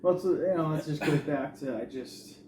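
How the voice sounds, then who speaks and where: A man's voice: a little high, normal speed, warm tone, far from the mic. A man co-hosting a podcast, skeptical and laid-back, chatting casually about a horror movie. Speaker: podcast co-host. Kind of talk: casual movie review chat. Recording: echoey room with noise.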